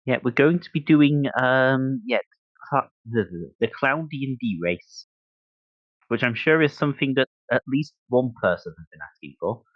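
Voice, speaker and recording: A man hosting a podcast in casual chat, thinking aloud in a halting way. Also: medium pitch, animated, dry recording, lo-fi sound. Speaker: podcast host.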